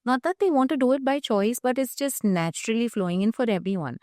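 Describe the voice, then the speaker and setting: A woman's voice: on the high side, animated, fast, a little mellow, no room sound, clean studio sound. A woman with an Indian accent giving explanatory, conversational interview answers as a psychologist, often tagging phrases with "you know". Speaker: guest psychologist.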